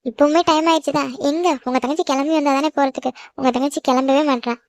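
A woman voicing a feisty, quick-tongued schoolgirl in a cartoon who protests and talks back. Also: high voice, steady tone, darkish tone, no room sound. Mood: polite. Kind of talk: cartoon voice acting.

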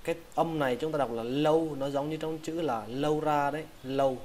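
A man teaching English words in a slow lesson, sounding out each part of a word and saying every word twice. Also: fairly high pitch, steady tone, a little mellow, a little hiss or hum. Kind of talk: slow vocabulary lesson for Vietnamese learners.

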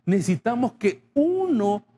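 In a warm, extremely high, sing-song voice, a male pastor preaches a little slowly, addressing his congregation directly and acting out brief dialogues. Slight background noise can be heard.

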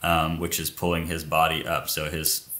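A man co-hosting a casual climbing technique breakdown, his voice very deep yet bright and forward in tone. He explains each move step by step as he points things out on screen. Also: completely flat delivery, moderate pace.

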